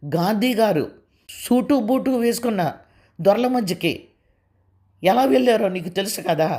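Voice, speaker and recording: A woman's voice: lowish voice, expressive, moderate pace, a little mellow, close to an everyday voice. A woman voicing a firm, insistent young husband. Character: long-patient young husband, now angry.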